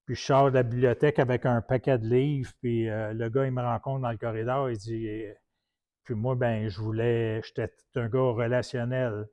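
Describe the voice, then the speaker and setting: A man's voice: medium pitch, steady tone, moderate pace, darkish tone, highs cut off. A man from Quebec with a Québécois French accent, preaching in a colloquial, anecdotal style full of restarts. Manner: colloquial storytelling with many restarts. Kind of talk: anecdotal teaching talk.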